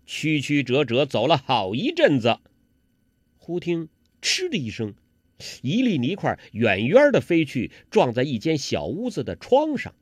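A man narrating a martial-arts story in a lively, animated storytelling manner. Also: on the high side, a little slow, no echo, studio quality.

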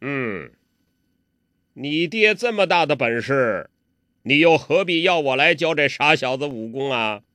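A man voicing a jovial old male beggar martial master who talks in a loud, gruff, bantering way. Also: mid-range voice, animated, unhurried, dry recording. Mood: dry.

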